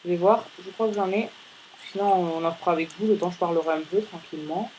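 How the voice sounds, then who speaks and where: A man's voice: sits high, quick pace, darkish tone, a little hiss or hum, low-quality recording. A male gaming host giving casual, rambling let's-play commentary, chatting playfully with viewers between tasks.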